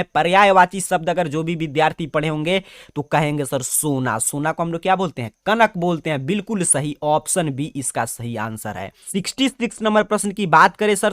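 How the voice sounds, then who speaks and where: A man's voice: a little high, a bit bright, no echo, clean studio sound. A young man teaching an exam prep lesson, putting each question to his students, then answering it with emphatic, upbeat stress.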